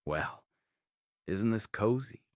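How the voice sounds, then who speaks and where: A man reading the part of a cruel, sneering male sailor who menaces two shipmates, in a low, venomous voice. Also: lively intonation, normal speed, breathy edge, no echo, clean studio sound. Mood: menacing.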